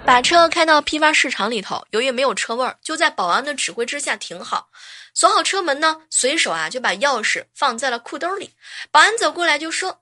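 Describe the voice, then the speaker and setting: Woman telling funny stories, bright sharp voice, kinda high, dry close mic. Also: a little fast, no room sound, a faint crowd. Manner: lively, acts out quoted lines with big pitch jumps. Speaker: joke storyteller. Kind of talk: comic anecdote narration.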